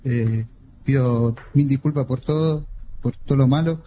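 A young man in his twenties, a defendant, apologizing slowly and hesitantly, stumbling over his words. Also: mid-range voice, mellow, slight background noise. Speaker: defendant making a statement in court. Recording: dull court audio with faint ambience.

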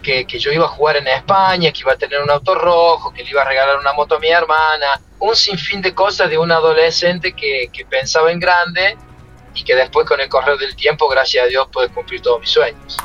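A man's voice: on the high side, fairly quick, bright, forceful tone, muffled recording, soft background music. A middle-aged man with an Argentine Spanish accent, a former footballer and coach telling stories from his career in an interview. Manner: emotional, reflective storytelling. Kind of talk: interview answers.

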